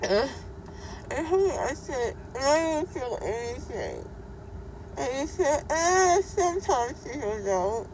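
A woman's voice: high-pitched, big pitch swings, slow pace. A young adult woman, groggy, tearful and sedated after dental surgery, rambling and whining in slurred mumbles through a numb, gauze-stuffed mouth. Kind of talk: casual chat. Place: inside a car. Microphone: camera at about arm's length. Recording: car cabin with some noise.

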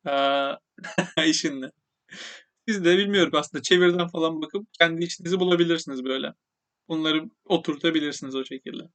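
A man teaching English in a casual online lesson, speaking Turkish and slowly repeating English phrases. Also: high voice, a bit bright.

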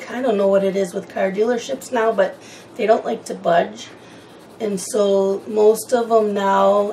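Slow, gravelly-voiced woman chatting while coloring. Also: mid-range voice, darkish tone, slight background noise, rough recording. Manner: rambling, chatty, wandering off topic. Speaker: coloring channel host. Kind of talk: casual chat while coloring.

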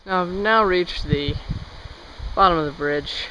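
Walking along an overgrown trail and railway line, a young man with a slightly high voice chats and muses for his travel vlog, tossing in wry remarks. He speaks a little slowly, and the outdoor camera audio is rough, with steady, clearly audible ambient noise beneath him.

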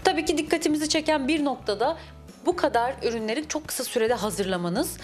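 A young woman interviewing for television, quick, upbeat and complimentary, speaking into a handheld mic in a small cafe. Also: sits high, faint music behind. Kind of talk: TV business interview.

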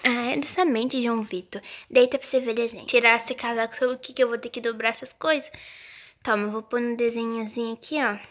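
A female vlogger in a casual role-play vlog, talking softly and gently in a motherly, coaxing way to her children and her viewers. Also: on the high side, fairly even intonation, a little fast.

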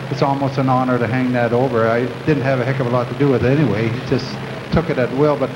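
An older man answering questions at a press conference, halting and reflective, with many pauses. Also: mid-range voice, fairly even intonation. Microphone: table microphones at the podium. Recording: dull, noisy old video recording.

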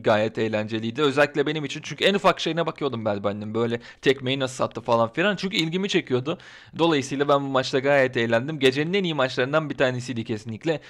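A man giving his casual opinions in a vlog, talking in an excitable, ranting, colloquial way. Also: mid-range voice. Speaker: wrestling commentary vlogger.

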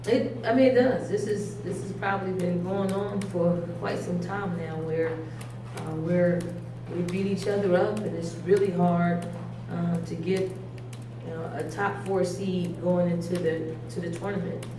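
Low-voiced woman coach at a presser. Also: steady tone. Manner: measured, frequent ums and restarts. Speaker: head basketball coach. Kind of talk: post-game press conference answers. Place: press conference room. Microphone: table mic from a distance. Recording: echoey room, distant mic, hiss.

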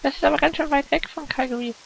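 A man voicing a calm, practical young woman in a high falsetto, reading game dialogue aloud. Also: fast, vocal fry, a little hiss or hum, exaggerated voice, poor audio. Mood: calm, matter-of-fact.

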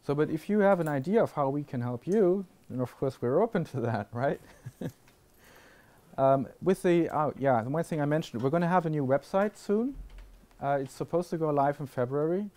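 Answering questions from the audience in a classroom lecture hall, this male panel speaker sounds a little high, animated, and mellow, at a moderate pace. He reflects as he goes, restarting sentences often with plenty of fillers.

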